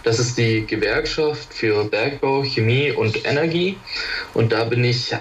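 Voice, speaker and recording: A young man of nineteen, a radio guest explaining his trainee work, a bit rushed. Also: mid-range voice, dull audio, a little hiss or hum. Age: young adult. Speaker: studio guest.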